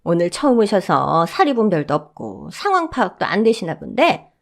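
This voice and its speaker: A woman voicing a brash middle-aged mother-in-law who shouts haughtily in a shrill voice. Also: wildly swooping pitch, moderate pace. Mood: indignant.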